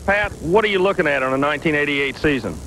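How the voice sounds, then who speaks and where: A man's voice: on the high side, quick pace, poor audio. A man working trackside as a tractor pull announcer and reporter. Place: outdoors trackside. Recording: loud outdoor engine noise.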